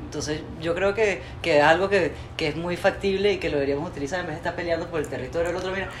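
Low-voiced Venezuelan woman host. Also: rapid-fire, slight background noise. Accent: Venezuelan Spanish. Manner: animated, opinionated, colorful speech. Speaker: interview host. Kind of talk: casual interview chat. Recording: roomy with faint ambience.

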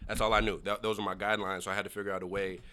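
Young man from Nigeria, low and fast, upbeat podcast guest recounting his start. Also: level tone, bright, forceful tone, clean tone. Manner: upbeat, storytelling with frequent fillers. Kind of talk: casual podcast interview.

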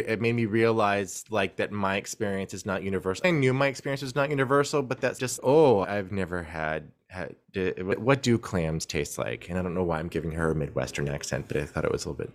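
A man guesting on a podcast, telling rambling stories in casual chat, often breaking off and restarting his sentences. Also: lowish voice. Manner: rambling storyteller, self-interrupting.

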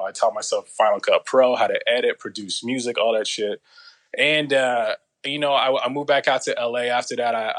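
A man's voice: lowish voice, fairly bright tone. Laid-back LA man in his thirties. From Los Angeles. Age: 30s. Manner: laid-back storytelling, slangy, many fillers. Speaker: guest, former soldier. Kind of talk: casual interview.

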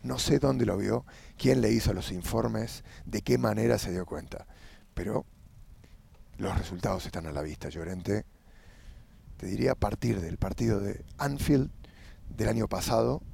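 A man with an Argentine accent, hosting a podcast as a casual monologue while riding a bicycle outdoors, thinking aloud with pauses mid-phrase. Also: on the low side, gravelly, warm tone, breathy edge. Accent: Argentine Spanish. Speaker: podcast host.

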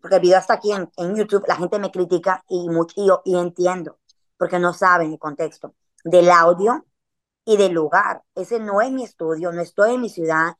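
A woman's voice: fairly low pitch, steady tone, normal speed. A woman, chatting casually as a podcast guest and telling a story in a slangy way, with frequent filler words.

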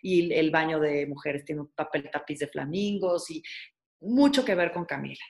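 Chatty woman chef, lowish voice. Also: normal speed, gravelly, darkish tone. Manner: chatty, storytelling, frequent fillers and restarts. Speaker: chef and restaurant owner. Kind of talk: casual interview conversation.

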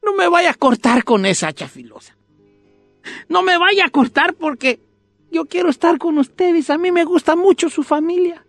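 A storyteller voicing a young Christmas tree that sobs and begs in a high voice. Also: lively intonation, moderate pace, fairly bright tone, dry recording, soft background music, full character voice. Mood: pleading. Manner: sobbing, high, begging voice.

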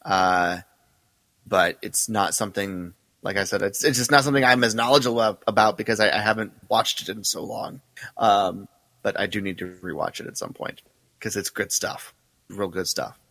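Bright-voiced man, dry close mic. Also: fairly low pitch, moderate pace, no echo, long reverb tail, rough recording. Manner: enthusiastic, hesitant with fillers. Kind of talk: casual podcast chat.

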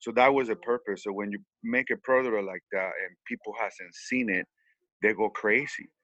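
A man from Mexico speaks English with a Mexican Spanish accent, his first language being Spanish. His voice sits low, and he talks haltingly, restarting and repeating words as he tells his story. The sound is dry and a little dull, like a lo-fi interview recording. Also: steady tone, sharp tone, dry recording. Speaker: hat maker.

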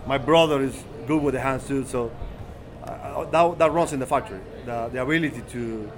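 Cuban man in a noisy bar. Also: medium pitch. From Cuba. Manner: halting, rephrasing often. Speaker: guest, cigar maker. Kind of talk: casual interview. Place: cigar bar. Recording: busy bar crowd behind. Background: crowd chatter.

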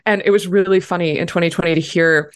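A woman's voice: lowish voice, steady tone, fast talker, clean tone. A woman podcast host chatting casually in an informal, emphatic, joking way. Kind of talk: casual chat.

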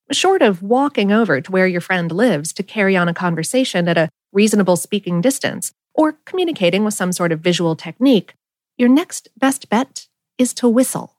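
A woman's voice: mid-range voice, no room sound, clean studio sound. A woman podcast host reading a scripted explanatory narration.

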